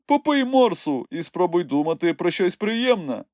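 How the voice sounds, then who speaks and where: A man doing a calm young wanderer. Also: sits high, normal speed, no room sound, clean studio sound, pitched above the performer's own voice. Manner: composed, advising. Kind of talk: audiobook character voice.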